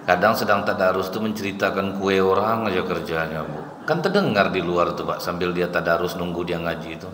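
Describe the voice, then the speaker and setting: A man's voice: sits low, expressive, fairly quick, hardly any pauses, a bit bright, slight background noise. A man preaching a sermon to a congregation, telling folksy stories and often turning to his listeners as sir and madam. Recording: echoey hall with faint ambience.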